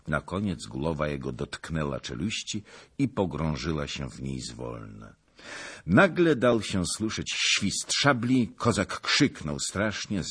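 Slow, husky male audiobook narrator. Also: a bass voice, a bit bright. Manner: dramatic, slow and deliberate. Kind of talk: audiobook narration of a historical novel.

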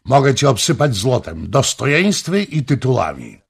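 A man reading the part of a proud, forceful king who commands and threatens, his voice raised and husky. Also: mid-range voice, big pitch swings, normal speed, pitched above the performer's own voice, heavily acted. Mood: commanding.

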